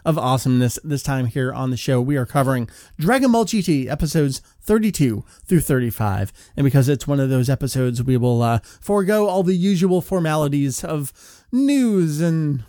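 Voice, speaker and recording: A man's voice: on the high side, expressive, normal speed, dark tone, dry recording. A man hosts a casual podcast, talking in a slightly raised register with an upbeat, joking manner and plenty of "uh" fillers. The close mic sounds dry, with no room around it. He keeps the chat loose and friendly. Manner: upbeat and jokey, with frequent "uh" fillers. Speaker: podcast host.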